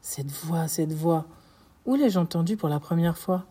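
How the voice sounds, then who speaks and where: A woman's voice: on the low side, a little slow, mellow, breathy edge. A woman voicing a tormented middle-aged male prosecutor in an audiobook, crying out in frantic, pleading outbursts. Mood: terrified. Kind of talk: audiobook reading.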